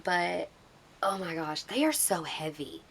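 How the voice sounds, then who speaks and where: A woman vlogger telling an excited, rambling story in a casual way. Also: on the low side, unhurried, vocal fry, slight background noise.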